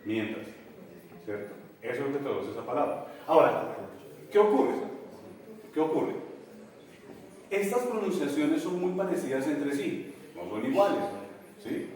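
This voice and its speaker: A man with a Colombian accent teaching English in a classroom, animated and addressing his students with local slang. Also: fairly high pitch, a little slow, pauses often. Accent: Colombian Spanish. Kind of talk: classroom lesson. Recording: echoey classroom, from far off.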